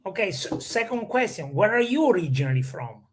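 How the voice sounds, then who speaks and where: A brisk interviewer with a mid-range voice asks short, direct questions. They cut in with quick prompts to steer the conversation. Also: mid-range voice, very animated, breathy edge.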